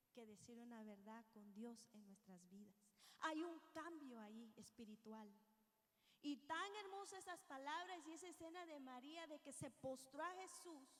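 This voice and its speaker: A woman's voice: high voice, fairly bright tone, in a large hall. A woman preacher reading scripture and giving an earnest, reflective sermon to her congregation. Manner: reflective, earnest, addresses listeners as brothers and sisters.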